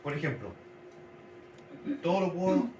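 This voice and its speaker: A man gives a teaching sermon in a slightly higher voice, slowing down to repeat and spell out key words. He sounds set back from the mic in an echoey church hall, with faint noise underneath. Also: animated, dark tone, far from the mic. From Chile. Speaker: pastor.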